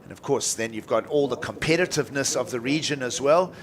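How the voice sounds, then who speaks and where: A man's voice: mid-range voice, a little fast, a crowd in the background. Man announcing a live surf contest. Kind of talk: live sports commentary.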